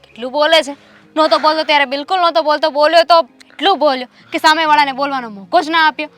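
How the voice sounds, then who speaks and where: An actress playing Damini, a teasing, quick-tongued young woman in a family film who talks a lot with mock indignation. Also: high voice, steady tone, fairly bright tone. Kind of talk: film dialogue.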